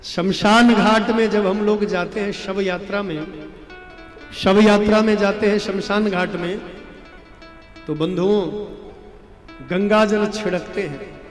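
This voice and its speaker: A man's voice: high voice, fairly even intonation, takes it slowly, long pauses. A man giving a devotional sermon as a scripture storyteller, impassioned and full of rhetorical questions with rising emphasis. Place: large outdoor religious gathering with music. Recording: echoey hall reverb with live music.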